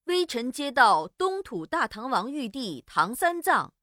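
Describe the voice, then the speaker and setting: A man voicing polite, fussy female court officials with a high, formal manner. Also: very animated, a little slow, sharp tone, no room sound, studio quality, heavily acted. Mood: courteous.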